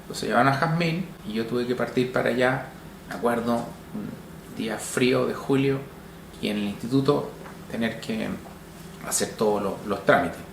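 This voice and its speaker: A middle-aged man with a Chilean accent tells his story as a father, slow and reflective, with pauses and restarts. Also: medium pitch, vocal fry, reverberant, a little hiss or hum. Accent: Chilean Spanish. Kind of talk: personal testimony.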